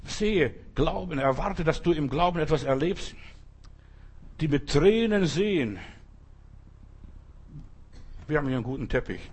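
A man's voice: medium pitch, vocal fry, a little mellow, slightly rough. A man preaching a sermon at a church service, emphatic and speaking straight to his listeners. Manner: emphatic, addresses listeners directly.

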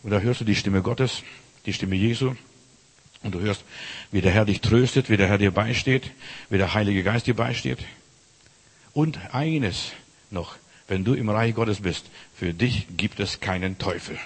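Husky preaching man in a reverberant hall. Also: fairly low pitch, a little slow. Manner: addresses listener as du, emphatic preaching. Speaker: pastor. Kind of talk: informal sermon.

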